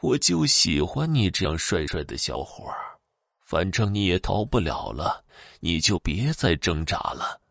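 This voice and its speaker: A man voicing a menacing old woman ghost with fangs, speaking in drawn-out, sinister tones. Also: deep voice, big pitch swings, gravelly, a bit bright, no room sound, studio quality, heavily acted.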